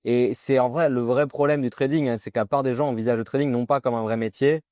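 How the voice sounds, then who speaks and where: A man hosting a casual interview, talking in a relaxed, chatty way with many fillers and slangy asides. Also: medium pitch, fast, no echo, studio quality. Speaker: host.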